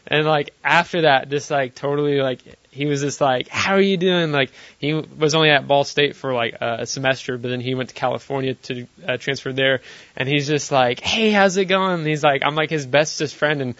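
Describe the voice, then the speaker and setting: A man's voice: mid-range voice, little pitch movement, fairly quick, fairly bright tone, no echo. A man on a casual panel, rambling with many filler words about volunteering on campus. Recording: dry, slightly dull recording.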